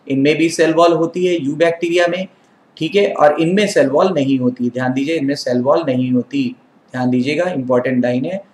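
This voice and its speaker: A man's voice: a little high, reverberant. An Indian man teaching a biology class, who asks his students questions and then answers them himself. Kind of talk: classroom lecture.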